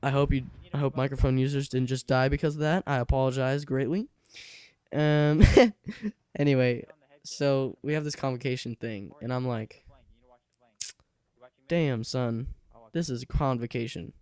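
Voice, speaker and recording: A man's voice: mid-range voice, fairly even intonation, moderate pace, darkish tone, smooth, no echo. A teenage young man chatting casually over gameplay at home, rambling and laughing often. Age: late teens. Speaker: gaming channel host. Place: alone at home by his computer.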